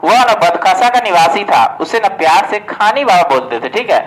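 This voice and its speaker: A man's voice: high-pitched, big pitch swings, normal speed, a little hiss or hum, poor audio. A man giving a casual exam-prep history lesson, asking questions and answering them himself. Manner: asks questions and answers them himself, often says "ठीक है". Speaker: exam coaching teacher.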